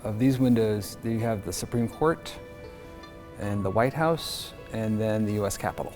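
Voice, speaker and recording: Man guiding visitors, halting and informal. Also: lowish voice, darkish tone, soft background music. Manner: halting, repeats words while explaining. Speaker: cathedral guide. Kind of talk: casual interview explanation.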